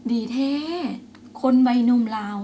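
An actress playing a Lao aunt in a scripted teaching skit, asking questions and approving of old proverbs. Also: female voice, a little slow, mellow, slight background noise, close to an everyday voice. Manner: curious, approving, asks questions.

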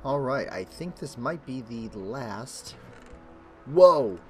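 A man hosting a game channel, chatting casually through a let's-play while sick, with a raspy throat. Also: medium pitch, expressive, slow pace, faint music behind. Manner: chatty, talks to himself while playing. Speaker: gaming channel host.

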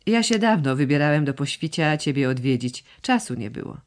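A woman's voice: deep voice, expressive, fairly quick. A woman voicing a timid, lovesick young man who stammers and pleads hesitantly, in an audiobook. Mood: awkward.

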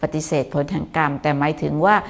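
An older woman giving a live Buddhist talk, answering viewers' questions with a warm, teasing manner and little acted-out examples. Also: low-pitched, quick pace, gravelly. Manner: warm, teasing, acts out little quoted lines. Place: temple in Melbourne.

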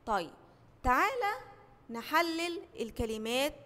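High-voiced Egyptian woman teacher, echoey. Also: very animated, measured pace, sharp tone. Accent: Egyptian Arabic. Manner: asks questions and answers them herself, call-and-response. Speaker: primary school teacher. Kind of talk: children's classroom lesson.

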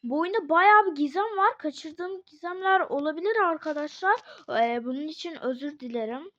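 A young woman giving casual gameplay commentary, excitable, swearing and shrieking at the game. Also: high-pitched, normal speed. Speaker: gaming video creator. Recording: dull lo-fi sound.

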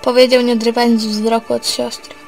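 A woman narrating a homemade historical fan story in an earnest, even reading voice. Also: a little high, fairly quick, vocal fry, faint music behind, poor audio. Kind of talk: read-aloud storytelling.

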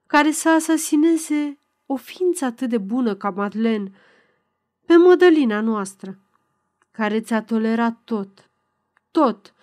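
A woman voicing a stern, commanding elderly father in an audiobook, speaking in a measured, clipped way. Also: a little high, darkish tone, lightly acted. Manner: clipped, measured, at times grating. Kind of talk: audiobook reading.

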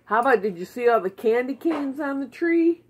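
Beside a Christmas tree in her living room, a woman speaks in a high, animated voice at a moderate pace, asking short, simple questions in a casual, encouraging way, as if to a child during a home puppet show. A phone camera a short way off picks her up with a little hiss or hum.

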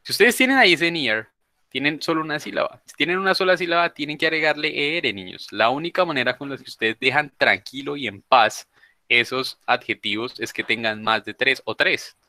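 A man's voice: mid-range voice, fairly quick, pushed and bright, no echo, studio quality. A male teacher leading an online English class, patiently explaining rules step by step.

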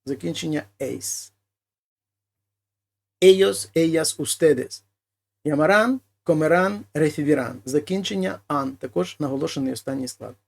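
A man teaching a language lesson: he reads each example phrase, then translates it slowly and explains it. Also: fairly high pitch, creaky, a little mellow. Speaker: Spanish teacher.

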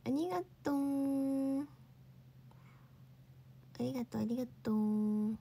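A woman's voice: high voice, takes it slowly, creaky, dark tone, husky. A young woman hosting a casual livestream, chatting and answering viewer comments. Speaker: idol livestream host.

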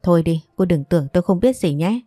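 A woman's voice: fairly low pitch, animated, fast, dry recording, studio quality, soft background music. A woman voicing a scornful, nagging older mother-in-law who complains theatrically. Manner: sharp and wailing, theatrical complaints.

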